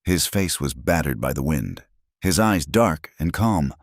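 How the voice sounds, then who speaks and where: Very deep male audiobook narrator. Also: animated, dry recording, studio quality. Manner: measured, dramatic.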